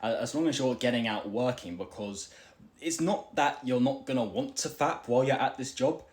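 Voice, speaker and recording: A man's voice: mid-range voice, moderate pace. A young man giving casual self-improvement advice while working out, out of breath, rambling with lots of fillers and "right?" tags. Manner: rambling, filler-heavy, keeps asking "right?".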